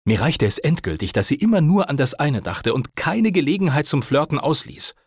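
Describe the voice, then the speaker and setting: A husky male audiobook narrator who tells a first-person story with wry humor. His pitch swings widely. The close, dry recording carries no room sound. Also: sing-song, brisk, dry recording.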